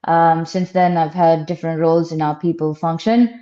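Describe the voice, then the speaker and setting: Brief: woman from Sri Lanka, low mellow voice, muffled lo-fi line. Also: flat delivery, normal speed. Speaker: mobility transformation manager, guest. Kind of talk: panel introduction. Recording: dull lo-fi audio.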